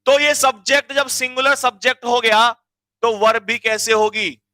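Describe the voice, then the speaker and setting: A man teaching grammar in an online exam-coaching lecture, energetic, urging his students to hurry and quizzing them with repeated questions. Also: extremely high pitch, normal speed, no room sound.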